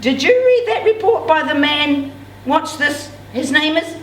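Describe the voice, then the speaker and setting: An amateur reader in her sixties reads a novel aloud at a literary event in a function room, expressive and theatrically declamatory in the dialogue. Her voice sits high, very animated, bright and a little slow. The recording is roomy, with a distant mic and clear background noise.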